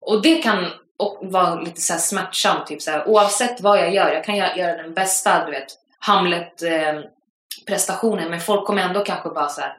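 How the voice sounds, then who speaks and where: A woman guest on a podcast, telling stories in a casual, animated way, full of fillers. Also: lowish voice. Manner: animated storytelling with frequent fillers. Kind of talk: casual conversation. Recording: roomy echoey room.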